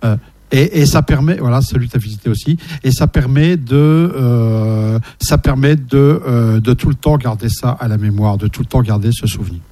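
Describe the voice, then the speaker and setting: A man leads a casual discussion in a mellow, darker voice. He hesitates often, restarting phrases and filling gaps, as if thinking aloud while passing the microphone around. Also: medium pitch, normal speed, no echo. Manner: hesitant, many fillers and restarts. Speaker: host. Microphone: shared microphone.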